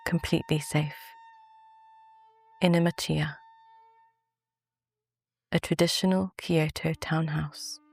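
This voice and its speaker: A woman with a British accent gently narrates a guided sleep meditation. Her fairly low voice is soft, calm and soothing.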